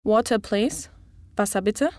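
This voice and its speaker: Clear-voiced woman modeling phrases. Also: medium pitch, a little mellow, dry recording, clean studio sound. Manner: clear, measured model pronunciation. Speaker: language tutor. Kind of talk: phrase-by-phrase language lesson.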